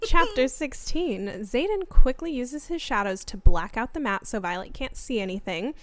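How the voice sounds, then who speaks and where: A young woman co-hosting a casual book podcast, playful and slangy, quick to laugh. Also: fairly high pitch, sing-song, dry recording. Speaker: podcast co-host.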